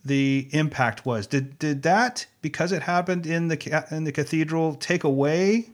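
A man interviewing a guest who teaches courses, talking conversationally with halting restarts. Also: fairly high pitch. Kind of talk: interview questions.

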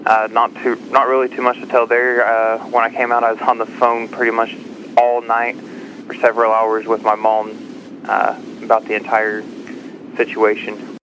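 A young man from Texas, a Marine, answers interview questions haltingly, with frequent uh fillers. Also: mid-range voice, monotone, a bit bright, slight background noise, low-quality recording. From Kansas-born, raised in Texas. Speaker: guest, active-duty Marine.

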